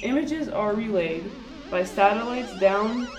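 A woman reading a short fact report aloud in a steady, careful way. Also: mid-range voice, measured pace, roomy sound, over music.

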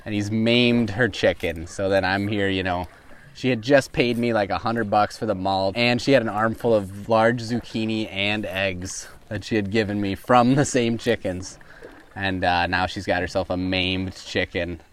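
A man's voice: lowish voice, fairly even intonation, moderate pace. A man who runs a tree service, telling a casual, rambling story from a boat on the river, full of "like" and "you know.".

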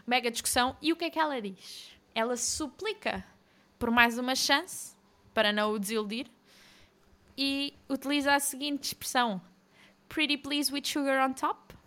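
A young woman, co-hosting a casual book chat and recapping a plot in a mocking, animated way. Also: high voice, normal speed. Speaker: podcast co-host.

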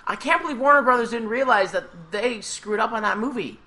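A man co-hosting a podcast in casual chat, talking quickly with asides and mild swearing. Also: very high-pitched, sharp tone. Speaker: podcast co-host.

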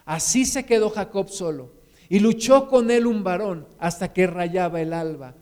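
A middle-aged man, preaching a sermon as a pastor and retelling the story with animated storytelling. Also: high-pitched, a little slow.

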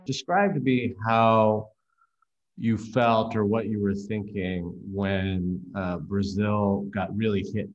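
A man's voice: lowish voice, fairly even intonation, takes it slowly, lo-fi sound, faint music behind. A man, a professor, guest-hosting an interview, asking questions hesitantly with many fillers.

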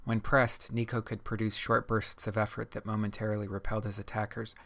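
A man giving a measured, even scripted reading of an audiobook. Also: lowish voice, vocal fry. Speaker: audiobook narrator. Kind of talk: scripted narration.

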